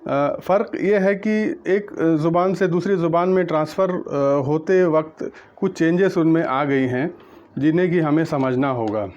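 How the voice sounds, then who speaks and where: A man giving a lecture on Arabic letters, pausing often with fillers and reciting letters slowly. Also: fairly high pitch, a little mellow, muffled recording. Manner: many hesitation fillers, mixes English terms. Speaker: Arabic grammar teacher.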